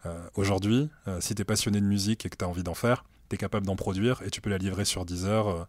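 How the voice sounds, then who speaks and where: This relaxed interview guest, a man in his late thirties who directs music for a streaming platform, speaks in a low, deep, calm voice, pausing frequently as he reflects. It's recorded in an office meeting room, yet sounds close and dry with no reverberation.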